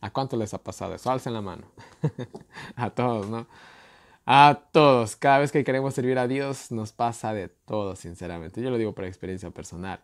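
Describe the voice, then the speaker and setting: A man's voice: on the low side, brisk, darkish tone, dry recording. Man teaching a Bible study, dry close mic. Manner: reads scripture aloud with rising emphasis, then comments conversationally; tells anecdotes with tag questions and light laughs. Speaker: preacher.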